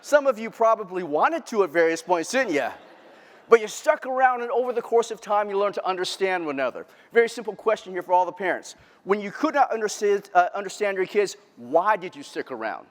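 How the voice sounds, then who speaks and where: A man giving a humorous keynote talk to a live audience, lively and quizzing the crowd. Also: high-pitched, fairly quick. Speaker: keynote speaker. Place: large lecture hall before an audience. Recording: long reverb of a large hall.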